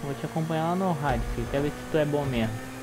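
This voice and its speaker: Lisping Brazilian man, higher-pitched, game noise behind. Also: fast talker. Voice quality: tongue-tied lisp with slushy s sounds. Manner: informal, slangy, exclamatory. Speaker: gaming video host. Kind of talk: casual gameplay commentary. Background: car engine sounds from racing game.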